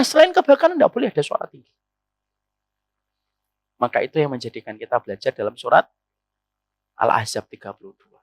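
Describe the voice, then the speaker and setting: A male Islamic preacher giving a sermon to women, animated and teasing, asking rhetorical questions. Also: medium pitch, vocal fry, no room sound.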